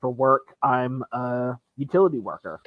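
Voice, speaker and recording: A man as a guest in a casual conversation, polite and measured. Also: mid-range voice, animated, no room sound, phone-quality sound.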